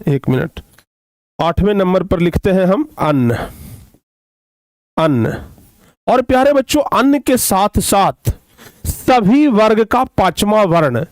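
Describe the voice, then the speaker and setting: A man teaching a grammar lesson to children, repeating key terms slowly and checking that they follow. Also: sits high, big pitch swings, no echo, clean studio sound.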